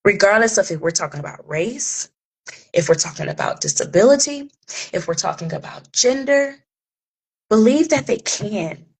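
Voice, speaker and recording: A woman's voice: mid-range voice, lively intonation, moderate pace, gravelly, breathy edge, poor audio. A woman vlogger speaking straight to her viewers in an impassioned, emphatic way, repeating phrases for effect. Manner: talks straight to viewers, calling them "y'all". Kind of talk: direct-to-camera commentary.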